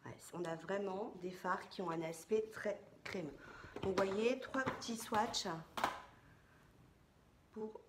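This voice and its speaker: A woman's voice: mid-range voice, slow pace, pauses often, background noise. Chatty woman's makeup haul. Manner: chatty, many fillers and restarts, playful asides. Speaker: beauty vlogger. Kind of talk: casual makeup haul vlog.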